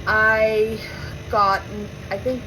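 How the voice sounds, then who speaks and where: In a noisy home recording with appliances running, a South African vlogger with an Afrikaans accent tells a rambling story to camera, with asides and self-corrections. Her voice is a little high and steady, she speaks very slowly, and there's music underneath.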